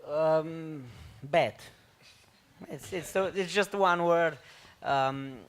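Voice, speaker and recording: A man with a Slovenian accent, answering on a conference panel and pausing often with ums. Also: a little high, slight background noise. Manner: halting, with many ums. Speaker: panelist, label owner.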